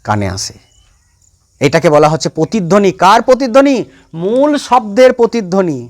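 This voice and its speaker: A man teaches a science lesson in a high voice, repeating each point and firing questions at his students. Crickets and insects chirp faintly behind him. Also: big pitch swings, normal speed. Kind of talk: classroom lecture.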